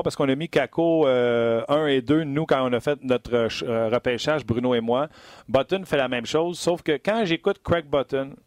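A man's voice: mid-range voice, no room sound. A man with a Québécois French accent hosting a hockey draft talk show, chatty and full of hesitations. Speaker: sports radio host.

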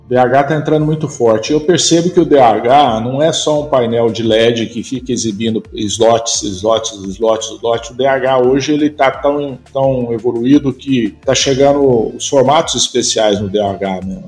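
A man's voice: medium pitch, normal speed, hardly any pauses, a little mellow. A man giving confident predictions in an interview, emphatic and repeating words for effect. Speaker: guest, industry association president.

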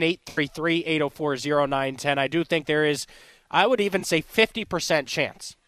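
A man's voice: a little high, a bit bright, smooth, no echo. A man hosting a sports talk radio show, talking in an emphatic, worked-up rant. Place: live broadcast from a restaurant bar.

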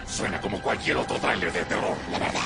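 A friendly monster voice for a comic advert, very heavily gravelly and low. The creature is polite and deadpan, growling over music. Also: male voice, fast. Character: friendly monster with a frightening real voice. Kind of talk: comic advert parody of horror trailer.

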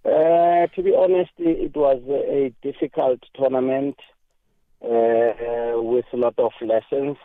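A South African man, a football coach, answering interview questions in a hesitant, measured way over a phone-like line. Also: medium pitch, fairly even intonation, no room sound. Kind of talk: radio interview, mixing two languages. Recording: narrow, tinny phone-like line.

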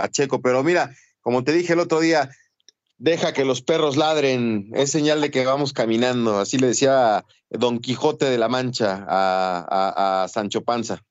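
A man's voice: medium pitch, dry recording, dull audio. A man giving opinions on a casual sports podcast, fond of sayings.

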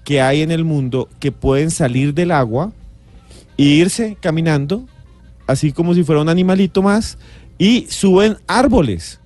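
A man, co-hosting a radio show and telling stories in a playful, animated way. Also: a little high, normal speed, no echo, faint music behind. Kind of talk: casual radio banter.

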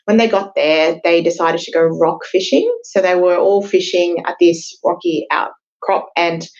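Lowish-voiced woman recounting a case. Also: animated, gravelly, darkish tone, highs cut off. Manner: conversational, recounts cases with quick fillers. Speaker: podcast co-host. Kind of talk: casual legal discussion podcast.

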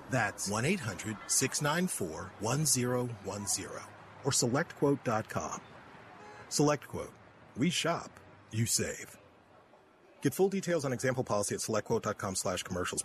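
A man's voice: fairly low pitch, slight background noise. A man reading a scripted insurance commercial as an announcer.

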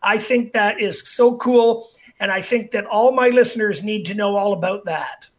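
A man's voice: sits high, normal speed. A man hosting a talk radio show, upbeat and folksy, from Canada. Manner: upbeat, folksy, reads sponsor lists.

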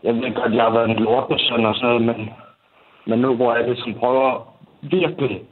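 A young man talking candidly in an interview, halting, swearing and restarting his sentences often. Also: mid-range voice, fairly even intonation. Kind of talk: candid interview about family conflict. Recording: tinny phone-like sound.

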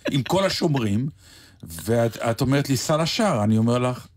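A man hosting a radio show, telling a story in casual chat with hesitant pauses. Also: mid-range voice, animated, noisy background. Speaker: radio host.

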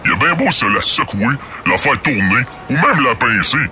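A man's voice: medium pitch, sing-song, moderate pace, pushed and bright, a little hiss or hum. A man with a Québécois accent voicing a crude, boastful ex-professional droplet through a voice changer that disguises his voice, in a comedy radio sketch. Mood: smug. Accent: Québécois French.

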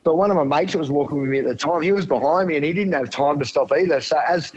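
A man's voice: fairly high pitch, fast, darkish tone, a little hiss or hum. A middle-aged Australian man on a phone line, telling his story casually as a guest, blokey and a little hesitant. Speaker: phone-in guest, charity walker. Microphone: phone call.

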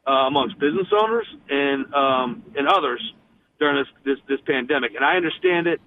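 A sports director calling in to a radio show, talking with passion and frustration and restarting often, heard over a phone line. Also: male voice, medium pitch, fairly quick, gravelly. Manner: impassioned, frustrated, many restarts.

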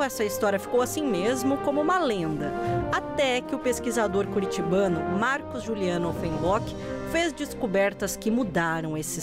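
A woman narrates a documentary segment in a bright, higher voice whose pitch leaps around. Her delivery is scripted and lively, like a reporter telling a story. Music plays clearly behind her.

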